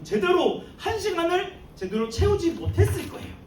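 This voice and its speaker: This youth sermon comes from a youth pastor whose very high, sing-song voice moves at a moderate pace with a slightly mellow quality. He tells the story to the youth group animatedly, dropping in slang and chuckles, while the church sanctuary's echo, a far-off mic, and a little hiss or hum color the recording.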